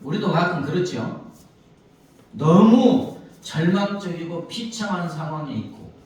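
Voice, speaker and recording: A man's voice: high voice, animated, a little slow, a little mellow. A male pastor preaching a Sunday sermon. He acts out pleading prayers and puts questions to the congregation. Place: church sanctuary. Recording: echoey church hall, mic at a distance.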